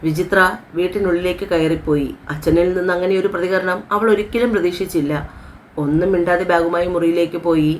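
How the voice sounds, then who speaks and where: A woman reading a romantic family story aloud as its narrator, in a steady, measured way. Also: lowish voice, a little hiss or hum.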